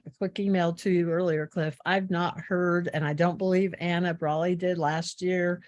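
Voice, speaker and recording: A woman with a fairly low voice chairs a meeting. She is polite and informal. Her phrasing is hesitant, broken by small pauses.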